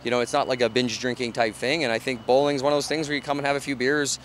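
A man in his thirties who owns a bar speaks casually in an on-site interview, talking fast in a flat, medium-pitched voice with a fairly bright tone and many fillers like "you know" and "um." He's recorded on a handheld reporter mic outdoors on a street, then inside a large bar and bowling hall, with a little hiss or hum audible.

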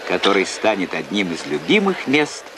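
A man's voice: deep voice, huge pitch swings, moderate pace. A man narrating an old Soviet newsreel from a script, with a formal announcer's delivery. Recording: noisy 1980s archive newsreel soundtrack.

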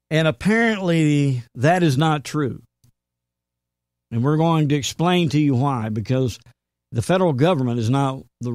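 In clean studio sound with no echo, a man hosting a faith show delivers sermon-style commentary, preaching earnestly and emphatically and quoting scripture. His voice is mid-range and a little mellow.

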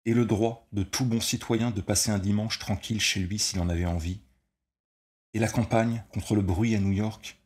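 A man reads a short story aloud in a deep, low voice. His delivery is measured and steady, the even pace of audiobook narration. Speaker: reader.

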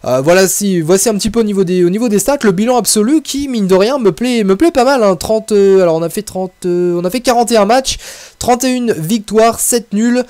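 A man hosting a gaming video, giving casual, excitable commentary as he plays a football game and talks his thoughts aloud. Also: sits high, brisk, no room sound. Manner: chatty, excitable, thinking aloud.

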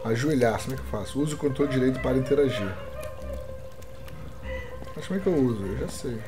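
Casting: Brazilian male gaming host, mid-pitched, casual, thinks aloud, loud game soundtrack behind. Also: animated, fast, music in the background. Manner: thinks aloud, reads on-screen prompts. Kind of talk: casual let's play commentary.

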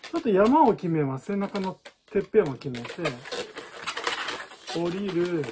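A man's voice: high-pitched, very animated, measured pace, very noisy. A man teaching balloon art in a chatty, casual way and laughing often. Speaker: balloon artist. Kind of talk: casual tutorial chat.

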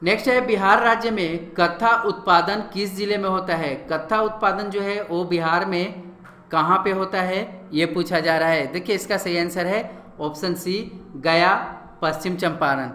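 A man with a sore, slightly hoarse throat teaching an exam-prep lecture that walks through quiz answers. He explains in a repetitive, filler-heavy way and often says "okay". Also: high voice, measured pace, pushed and bright, roomy sound.

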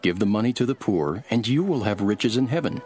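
Man acting low, expressive Jesus teaching solemnly. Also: slight background noise, lightly acted. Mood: firm teaching. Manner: solemn, measured storytelling. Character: Jesus, solemn male teacher telling parables. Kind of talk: dramatised scripture reading.

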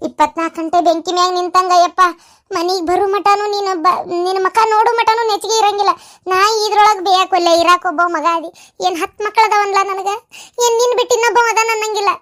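Someone voicing a shrill pleading village mother. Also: steady tone, a little fast, a bit bright. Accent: North Karnataka Kannada. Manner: pleading, insistent. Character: worried village mother pleading with her only son. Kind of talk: cartoon voice acting.

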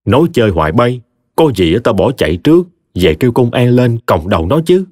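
A man's voice: mid-range voice, big pitch swings, brisk, darkish tone, no room sound. A man doing a blunt old country mother. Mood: teasing. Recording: dry voice with faint music.

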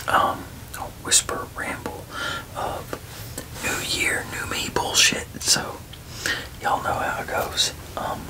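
A person whispering a casual ASMR ramble, halting and frank, with folksy turns of phrase. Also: recorded from a distance, low-quality recording. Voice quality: unvoiced, breathy whisper with creaky edges. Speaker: ASMR video creator.

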